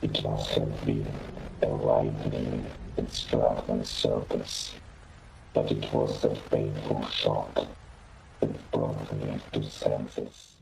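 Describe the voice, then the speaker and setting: Deep gravelly robot. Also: male voice, music in the background, heavily acted, low-quality recording. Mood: solemn. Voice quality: gravelly, flat, half-whispered. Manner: slow, solemn, introspective. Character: small newly sentient male robot, bewildered, lonely. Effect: deep mechanical robot filter.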